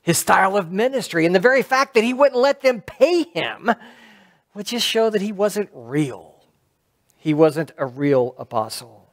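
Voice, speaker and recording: Middle-aged man preaching with lively pitch. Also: unhurried. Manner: conversational, asks the congregation questions. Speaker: pastor. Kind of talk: sermon. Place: church sanctuary, at a lectern.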